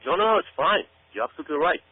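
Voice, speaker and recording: Talking very fast in a fairly high, expressive, slightly rough voice, a man delivers dramatic commentary to listeners as a guest, hammering points through repetition. There's no room sound, but the radio audio is tinny and phone-like, with a hum.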